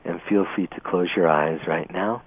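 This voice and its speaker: A man leading a guided meditation in a slow, gentle, soothing way, heard over a narrow radio broadcast. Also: low voice, fairly even intonation, vocal fry, slightly rough. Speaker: meditation teacher.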